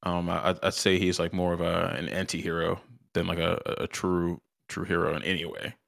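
A man's voice: low-pitched, little pitch movement, brisk, vocal fry, fairly bright tone, no echo, studio quality. A man co-hosting a podcast in casual chat, asking questions and swearing casually. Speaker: podcast co-host.

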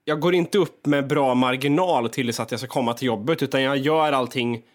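A man in a casual podcast chat, talking animatedly and swearing freely while he acts out his own grumbling. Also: medium pitch. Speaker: podcast co-host.

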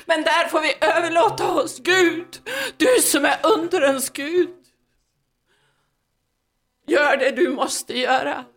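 Fervent high-voiced woman preaching. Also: pauses often. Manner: fervent, emphatic, with breaks of laughter. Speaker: speaker at a testimony meeting. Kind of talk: sermon-like testimony.

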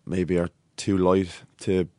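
A man's voice: deep voice, monotone, slow, dark tone, no echo, clean studio sound. A man with an Irish accent giving unscripted sports analysis as a pundit.

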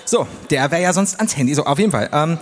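A man's voice: on the high side, animated, quick pace, a little hiss or hum. Chatty male co-host on a live stage. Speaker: podcast co-host. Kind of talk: casual live banter. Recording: live stage with hall reverb.

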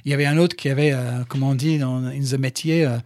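A man's voice: medium pitch, fairly quick, dry recording. Englishman speaking French with an English accent. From England. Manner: animated storyteller, fillers and restarts. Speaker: podcast guest. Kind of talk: casual conversation. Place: studio.

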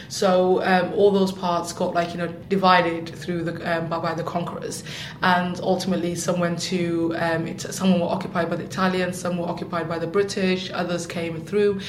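A woman from Somaliland, a social activist and guest, explaining at length with frequent fillers. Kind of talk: casual interview explanation. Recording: echoey room with faint rumble.

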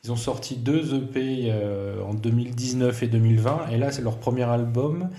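A man's voice: medium pitch, moderate pace, dark tone. Hesitant man, echoey room. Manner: hesitant, full of fillers and restarts. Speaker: podcast co-host. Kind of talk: casual chat.

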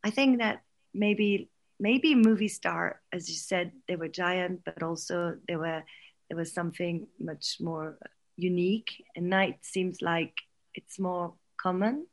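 French woman, halting, laughing talk. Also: lowish voice, fairly even intonation. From Paris, France. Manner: hesitant, many restarts and repeated words; laughs often while talking. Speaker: actress guest. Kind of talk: casual interview chat.

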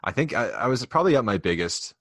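A man's voice: mid-range voice, sing-song, fast talker, fairly bright tone, dry recording, clean studio sound. A young man co-hosting a podcast, talking casually and explaining at length with plenty of fillers and restarts. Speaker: podcast co-host. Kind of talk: casual chat.

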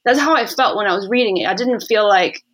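A woman in a casual discussion, talking haltingly with many fillers. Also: medium pitch, a bit bright, low-quality recording.

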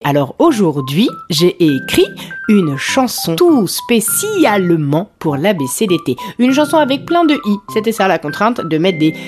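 A woman's voice: medium pitch, big pitch swings, a little slow, music in the background. A woman hosting a podcast, chatting casually with playful, bouncy, sing-song greetings to listeners. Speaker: podcast host.

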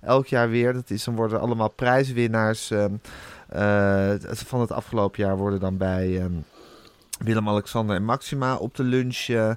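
A man's voice: lowish voice, fairly even intonation, normal speed, smooth, no echo. A man co-hosting a satirical podcast, with dry, ironic asides. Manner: dry, ironic asides with brief agreeing interjections. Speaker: podcast co-host. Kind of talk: satirical casual chat.

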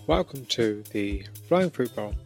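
A man hosting an art interview podcast, measured in his intro and relaxed and keen in conversation. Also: fairly low pitch, vocal fry, faint music behind. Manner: scripted, measured intro then relaxed, enthusiastic chat. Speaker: podcast host.

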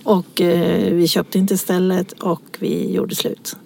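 A woman's voice: on the low side, flat delivery, vocal fry, mellow, slight background noise. A woman in casual chat, telling personal stories and laughing as she talks. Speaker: podcast co-host.

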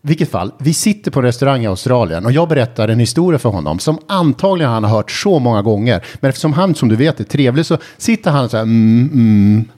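Man, husky, casual chat, animated storyteller, loud excited mimicry. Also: medium pitch, few pauses. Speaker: TV travel presenter and guest storyteller.

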